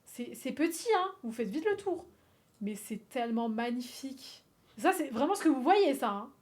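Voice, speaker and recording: Woman from France, casual stream chat, fairly high voice, lively, cursing, frequent laughs, bits of English. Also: normal speed. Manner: animated and chatty, swears often, laughs a lot, slips in English phrases.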